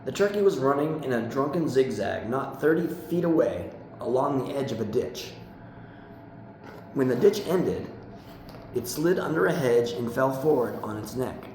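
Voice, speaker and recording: A man reading a short story aloud in a measured, deliberate storytelling manner. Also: medium pitch, expressive, darkish tone, a little hiss or hum. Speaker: audiobook reader. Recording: echoey room with faint ambience.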